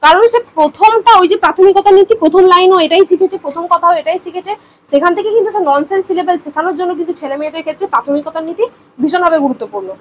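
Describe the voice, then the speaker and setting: A woman's voice: very high voice, very fast, slight background noise, low-quality recording. A young woman in her twenties giving an exam-prep lecture, explaining with everyday examples and rhetorical questions and mixing in English terms. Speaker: teacher.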